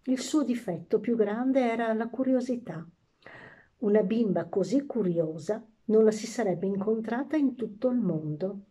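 A woman storyteller reading a fairy tale aloud, slow and expressive. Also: a little high, husky.

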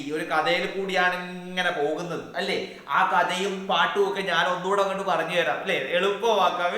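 A playful man runs an exam revision lesson for small children, and he keeps asking them questions. His voice sits high and bright. The room around him rings with a strong echo. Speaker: teacher.

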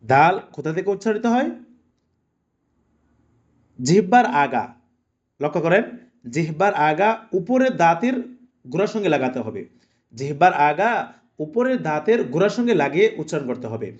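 A man teaching Quran recitation, slowly and deliberately drawing out each letter sound for his students to repeat. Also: a little high, sing-song, dull audio. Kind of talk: slow instructional lesson.

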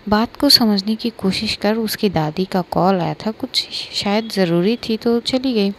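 A woman's voice: medium pitch, measured pace, slight background noise, close to an everyday voice. A woman voicing a young woman who coaxes her upset friend in a pleading, friendly way. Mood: coaxing.

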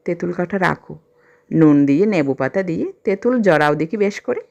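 A woman's voice: on the low side, animated, a little fast, a little mellow. A woman voicing a playful young village husband who teases and coaxes his wife. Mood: teasing. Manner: teasing, coaxing.

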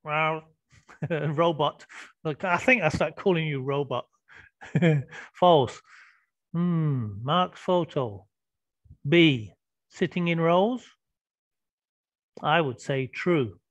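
Guy teaching english online, slow and patient, kinda dull call audio. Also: on the high side, dry recording. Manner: patient, prompting students with questions. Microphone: video call.

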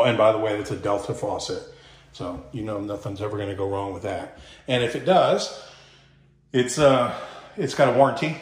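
Walking through an empty house with his phone camera, mostly indoors but with some steps outside, a middle-aged real estate agent from Kentucky offers casual commentary. He has a mid-range voice. His manner is chatty and folksy, marked by salesy asides and restarts.

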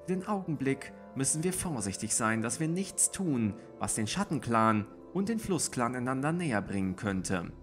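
A man voicing a serious, commanding she-cat clan leader who speaks gravely in a storybook reading. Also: mid-range voice, sing-song, faint music behind, lightly acted. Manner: grave, measured.

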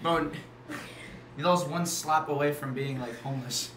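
A man's voice: a little high, moderate pace. Teasing young man hosting a stream. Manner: teasing, reads out donations. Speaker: livestream host. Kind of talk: casual livestream banter. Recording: echoey room, faint noise.

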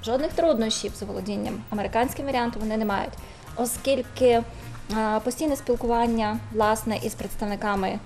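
Lady lecturer, formal, a bit high, quick with little "uh"s. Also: darkish tone, soft background music. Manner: measured, formal, with hesitations. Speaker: language lecturer. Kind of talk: studio interview.

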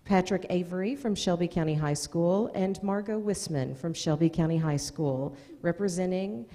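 At a public meeting, a middle-aged American school district presenter reads award nominees aloud from a podium, with some informal remarks along the way. Her low-leaning, dark voice moves at a moderate pace through a gooseneck podium microphone, in an indoor meeting hall full of echo and long reverb.

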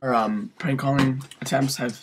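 A man's voice: medium pitch, fairly even intonation, moderate pace, a little hiss or hum. A young man who jokes and giggles while making prank calls with a friend. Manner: giggly, joking. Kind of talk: casual chat with a friend.

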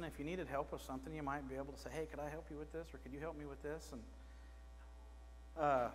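A middle-aged man preaching a sermon in a small church, speaking conversationally and putting questions to the congregation from the pulpit. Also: on the high side. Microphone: pulpit microphone. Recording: reverberant church with faint mains hum.

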